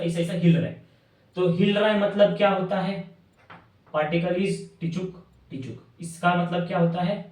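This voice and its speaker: A man's voice: a little high, far from the mic. Man teaching in a very echoey room. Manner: playful, asks and answers his own questions, calls students "bhaiya". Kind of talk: animated classroom explanation. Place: classroom with a whiteboard. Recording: very echoey room, voice a bit off-mic.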